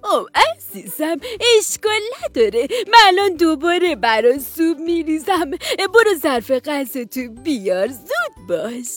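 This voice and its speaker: A woman plays a caring animal aunt from a children's storybook, tender and soothing as she comforts the little ones. Her voice is fairly high and rises and falls in lively curves, with soft music playing behind. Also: few pauses. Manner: tender and soothing, opening with "oh, dear".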